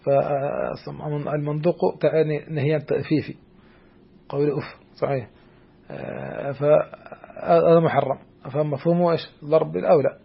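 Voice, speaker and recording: A man instructs a student in a classical text of Islamic jurisprudence, speaking hesitantly with drawn-out fillers and restarts and regularly checking the student's understanding. His fairly high voice holds a steady tone and sounds creaky and slightly rough, captured in lo-fi sound.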